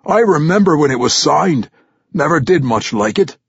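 A man voicing a gruff old male dwarf veteran with a put-on Scottish-style brogue, blunt and scolding. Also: on the high side, expressive, moderate pace, dry recording, highs cut off, pitched above the performer's own voice, exaggerated voice. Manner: scolding, plain-spoken.

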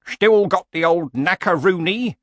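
A man's voice: sits high, unhurried, fairly bright tone, no echo, studio quality, voice pushed up. A man voicing an elderly barbarian hero in a storybook, grumpy, stubborn and world-weary, with a blunt, grumbling manner.

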